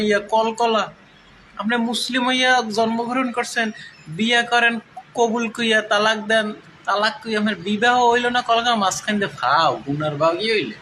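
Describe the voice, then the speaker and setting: A young man with a high voice talks in a mock-preachy, joking way and draws out his words for effect. He speaks outdoors from a bicycle. Loud street noise runs under his voice. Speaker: vlogger. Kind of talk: casual comedic vlog talk. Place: outdoors while riding a bicycle.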